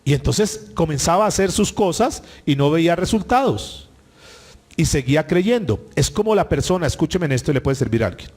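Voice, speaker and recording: A man's voice: fairly high pitch, animated, a little fast, darkish tone, slightly rough. A male pastor delivering a sermon, preaching emphatically and repeating key phrases to the congregation.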